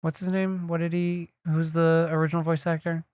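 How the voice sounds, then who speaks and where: Young male podcast co-host, excitable, cursing, dry close sound. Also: a little high, clear, resonant tone, dry recording. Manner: excitable, swears freely, talks in quick bursts. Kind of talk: casual chat. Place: home studio. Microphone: desk mic on a live stream.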